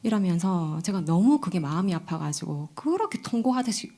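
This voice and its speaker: A woman's voice: on the low side, very animated, brisk, dark tone. A middle-aged woman giving an earnest, emotional personal testimony in a church service, with many fillers.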